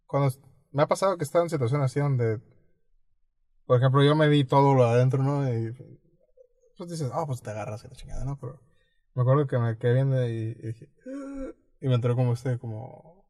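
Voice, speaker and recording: A man's voice: medium pitch, a little fast, long pauses, warm tone. A man with a Mexican accent, co-hosting a podcast and telling personal stories in a rambling, slang-heavy, casual way. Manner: rambling, slangy, fills nearly every phrase with "güey". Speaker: podcast co-host. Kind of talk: casual storytelling chat.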